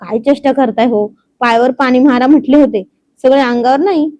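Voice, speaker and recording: A woman's voice: high-pitched, brisk, dark tone, no echo, dull audio, close to an everyday voice. A woman voicing a shy, scolding young wife. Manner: bashful, mock-scolding.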